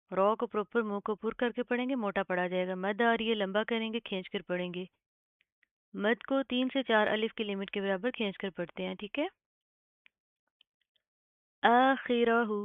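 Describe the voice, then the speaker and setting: Smooth woman teaching Quran recitation. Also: mid-range voice, dry recording. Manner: slow drawn-out recitation, checks with "okay?". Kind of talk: tajweed lesson with spelled-out recitation. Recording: tinny phone-like, dry sound.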